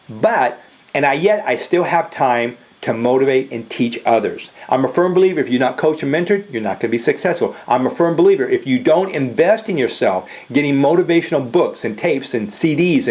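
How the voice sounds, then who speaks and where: A man's voice: mid-range voice, a little mellow. An older man giving a motivational talk, emphatic and repetitive, often checking in with "okay?". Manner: emphatic, repeats "okay?" and "guess what". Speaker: motivational speaker.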